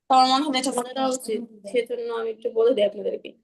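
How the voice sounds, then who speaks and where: Female teacher, higher voice, patient and repetitive, online class. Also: fairly even intonation, poor audio. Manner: patient, demonstrates letter sounds slowly and repeatedly. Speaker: Quran recitation teacher.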